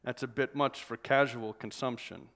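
A man's voice: mid-range voice, fairly even intonation, moderate pace, fairly bright tone, lightly acted. Man reading a novel as injured male mechanic, curt, angry, barely contained. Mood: tense. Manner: curt and tense, holding back anger. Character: wounded, angry male mechanic holding a captive.

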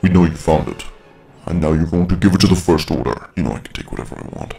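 Voice-changed masked villain: very deep, gravelly, dark and mechanical, off-mic with game music behind. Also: male voice, fast talker, distant mic. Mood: menacing. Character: menacing masked male dark warlord, cold and domineering. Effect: in-game voice changer making the voice deep and mechanical.

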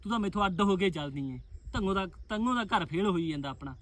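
Fast-talking bossy man in a comedy skit. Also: high voice, animated, a bit bright. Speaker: comedy sketch actor.

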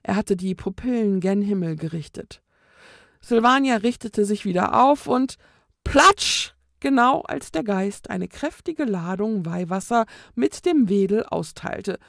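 Slow, gravelly woman reading a storybook. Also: medium pitch, no echo, clean studio sound. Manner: calm, measured storytelling. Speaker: storybook reader. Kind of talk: reading a children's book aloud.

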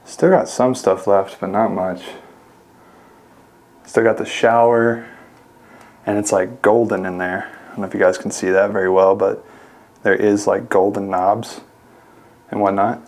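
A young man casually narrating a walkthrough of an empty mansion, talking to his viewers with excitement. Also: lowish voice, unhurried, long pauses. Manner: excited, addresses viewers as guys. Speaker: urban explorer vlogger. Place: large empty mansion indoors.

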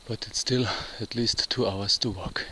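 A man in his thirties with a German accent, hosting a bushcraft vlog on a mountain, speaking slow, simple English. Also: lowish voice, steady tone. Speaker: bushcraft channel host. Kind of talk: outdoor vlog narration. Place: outdoors on a mountain. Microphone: handheld camera mic. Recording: loud outdoor noise on camera mic.

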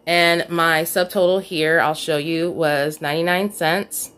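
Low-pitched and a little slow, her voice has fairly even intonation and a fairly bright, clear, resonant tone. This couponing vlogger walks through her store haul at home on a phone camera from off screen, chatting and lightly scolding herself about a missed coupon.

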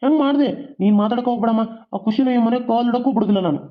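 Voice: medium pitch, natural voice. A hot-tempered adult son in a cartoon, as a voice actor plays him, firing off reproaches at his mother at a breakneck pace. The recording sounds dull and lo-fi. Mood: angry. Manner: rapid-fire, reproachful. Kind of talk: cartoon voice acting.

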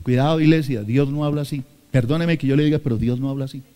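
This Bogotá-accented Colombian man delivers a forceful sermon as pastor, addressing his congregation head-on and repeating phrases. He speaks quickly in a mid-range voice with a warm tone.

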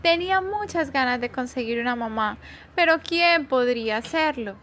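A woman reading a children's story aloud in a slow, expressive storybook manner. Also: high voice, a little hiss or hum.

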